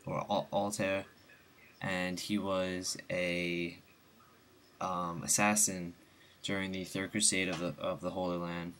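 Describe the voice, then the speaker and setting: A man's voice: deep voice, fairly bright tone, slight background noise. A young man with the hiccups giving a rambling, casual game review voice-over, full of ums and restarts.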